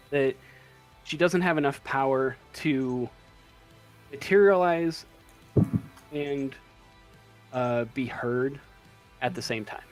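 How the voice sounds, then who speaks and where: Running a tabletop game as game master, a man narrates off the cuff in a slightly high voice, pausing as he hunts for the right words.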